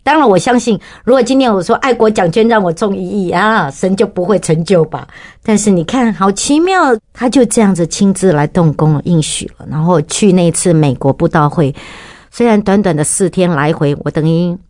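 Animated woman telling a faith story. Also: normal speed, no echo, clean studio sound. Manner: lively storyteller, bursts into high excited pitch when reliving moments. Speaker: guest giving a testimony.

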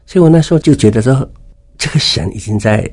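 A man's voice: medium pitch, expressive, fast talker, darkish tone, breathy edge. A middle-aged man giving a personal faith testimony as an interview guest, telling his story with emotion and acting out the dialogue.

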